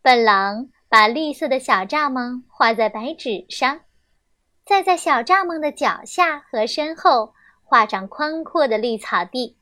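A young woman reading a children's story aloud, gentle and expressive, on a close mic. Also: high-pitched, unhurried, no room sound.

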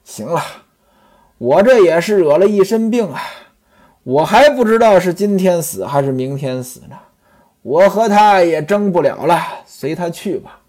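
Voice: mid-range voice, animated, measured pace, a little mellow. A storyteller voicing a grieving young mother who speaks with weary resignation. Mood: resigned.

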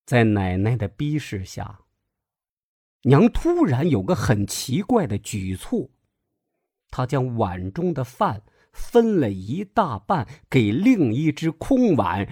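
A man giving a scripted narration of a story in a measured, expressive way. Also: mid-range voice, breathy edge, no room sound. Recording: dry close voice over faint music.

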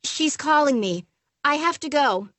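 A woman's voice: high voice, animated, a little slow, a bit bright, a little hiss or hum. A woman reading a friendly young woman's lines in a scripted textbook dialogue, carefully enunciated.

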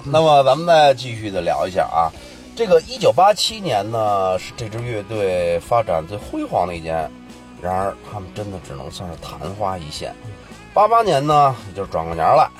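A man's voice: lowish voice, big pitch swings, moderate pace. A man with a Beijing accent hosting a music show, chatting casually about rock records in slangy, joking storytelling with repeated phrases.

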